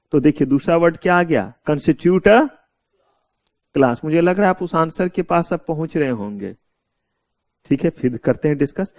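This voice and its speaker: Indian man lecturing, raised pitch. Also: darkish tone, no room sound. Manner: explanatory, asks the class rhetorical questions; mixes English terms into Hindi. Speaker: law lecturer. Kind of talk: classroom lecture.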